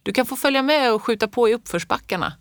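A cheerful, friendly shopkeeper woman who talks with lively raised energy, as a woman reader puts her on. The voice rises above the narration and sounds dry and close. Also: a little high, dry recording, voice pushed up. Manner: bright, calling out, cheerful.

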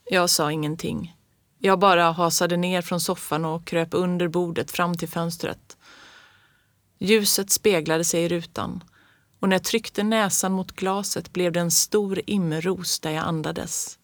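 A reader narrating a children's storybook in the first person of a child, in a calm, gentle, even way. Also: mid-range voice, dry recording. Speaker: audiobook reader.

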